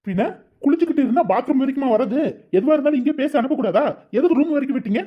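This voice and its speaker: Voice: medium pitch, animated, quick pace, highs cut off, faint music behind, lightly acted. A performer voicing a defiant young man in a cartoon, talking back to his parents in an argumentative way.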